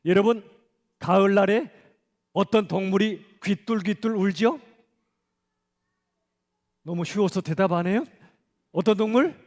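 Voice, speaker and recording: Male pastor, middle-aged, high voice, conversational sermon, church hall echo. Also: a little slow, pauses often, darkish tone. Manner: conversational, asks the congregation questions. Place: church sanctuary.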